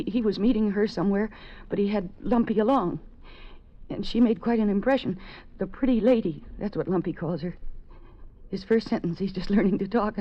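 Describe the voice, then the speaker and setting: In a dull old 1940s radio drama recording, an actress with a natural, medium-pitched voice plays a young wife. She narrates the story in first person, earnestly and urgently pleading her husband's innocence.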